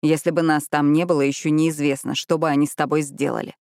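A woman voicing a calm, selfish male vampire in an audiobook, speaking slowly and evenly. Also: sits low, dry recording, studio quality, lightly acted. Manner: calm, measured, slow.

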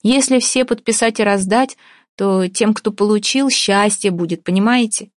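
A woman's voice: medium pitch, moderate pace, no room sound, studio quality, voice pushed up, natural voice. A woman reading an audiobook, voicing a pushy, sarcastic young woman who argues with everyone. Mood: wheedling. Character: brash feisty young woman, gingerbread seller.

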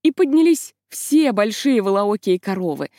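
A woman reading a literary novel aloud in a measured, expressive narration. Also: mid-range voice, no room sound, clean studio sound. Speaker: audiobook narrator.

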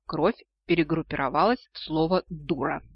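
A man narrating a novel with a lively, ironic storytelling manner, on a dull lo-fi recording. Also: high voice, normal speed, husky, dry recording. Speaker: audiobook narrator. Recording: dull lo-fi audio, dry.

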